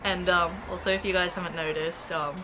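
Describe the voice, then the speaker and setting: A woman's voice: on the low side, steady tone, brisk, noisy background. A young woman vlogging from her bed with a congested, nasal voice from a cold, telling a rambling story full of fillers and casual swearing. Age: young adult. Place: in bed in a dark bedroom, early morning. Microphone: camera in front of her.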